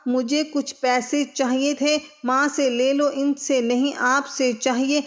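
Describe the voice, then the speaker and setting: A woman's voice: high-pitched, level tone, lightly acted. A woman voicing a stubborn, sulky young bride.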